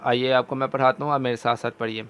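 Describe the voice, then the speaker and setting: A man with a Pakistani Urdu accent teaching Quran recitation, chanting verses slowly and drawn out between brisk explanations. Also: medium pitch, level tone, fairly bright tone, smooth. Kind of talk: recitation lesson.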